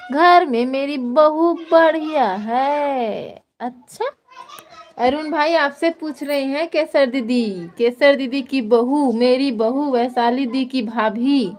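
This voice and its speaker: A woman's voice: high-pitched, slight background noise. A woman with a Chhattisgarhi accent hosting a casual live stream, reading viewer comments and teasing them playfully into her phone.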